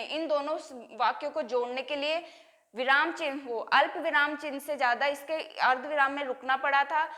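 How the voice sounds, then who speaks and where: A woman's voice: sits high, pushed and bright. A woman school teacher, giving a grammar lesson and answering her own questions. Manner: asks questions and answers them herself.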